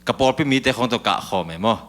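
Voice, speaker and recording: A man's voice: quick pace, fairly bright tone. A man in casual talk-show conversation, telling a long account in a chatty way with short fillers.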